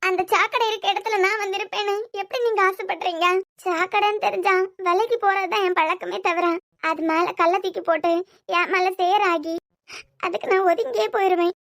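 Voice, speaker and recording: A woman's voice: very high-pitched, steady tone, brisk, a bit bright, no room sound, studio quality. A woman voicing a tearful young wife. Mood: distraught. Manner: crying, pleading, reproachful. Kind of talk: cartoon web series voice acting.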